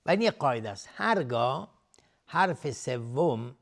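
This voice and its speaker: A middle-aged man teaching Quran recitation on television, explaining each rule step by step and reciting verses in a slow, drawn-out chant. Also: mid-range voice, lively intonation. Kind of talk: tajweed lesson for television.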